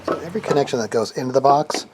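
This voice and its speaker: Working with his hands, a man talks through an unscripted how-to in a relaxed hobbyist way, halting often as he thinks aloud. His pitch is medium, and there's heavy noise in the background.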